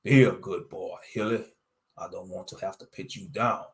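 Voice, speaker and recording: A man voicing a stern, calm prison warden with a low-key, commanding manner in a narrated monster story. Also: normal speed. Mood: calm threat.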